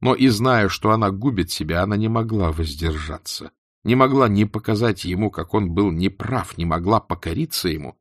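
Deep-voiced male narrator, measured literary reading, dry close recording. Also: animated, no room sound. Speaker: audiobook narrator.

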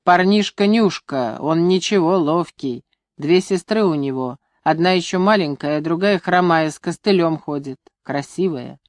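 A woman's voice: fairly low pitch, measured pace, dry recording, studio quality, lightly acted. A woman voicing a cross, gloomy boy who grumbles plainly in a storybook reading. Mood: grumbling.

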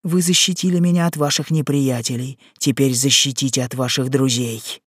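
A man voicing a frightened, pleading young woman with a gentle manner. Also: mid-range voice, fairly even intonation, normal speed, husky, no echo, clean studio sound.

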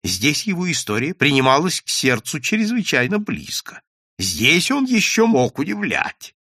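A man reading a story aloud in a lively way, lifting his voice for the characters' lines. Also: measured pace, no echo, studio quality. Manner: lively, raises pitch and volume for characters' quoted lines. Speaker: audiobook narrator. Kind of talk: scripted narration with character voices.

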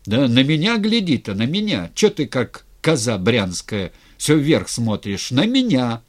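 A man voicing a bold, proud cossack ataman who speaks loudly and defiantly. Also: medium pitch, sing-song, slow pace, pitched above the performer's own voice. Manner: loud, pleading then defiant.

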